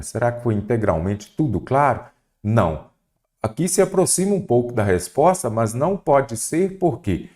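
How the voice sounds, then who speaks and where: A man with a Brazilian Portuguese accent teaching an online exam-prep lesson, animated and asking rhetorical questions. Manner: animated, lively pitch swings, rhetorical questions.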